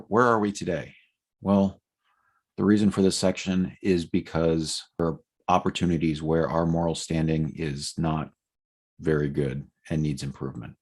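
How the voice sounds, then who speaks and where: A man's voice: sits low, a little mellow. A man from the United States, presenting a policy platform in an unscripted explanatory talk with fillers and restarts.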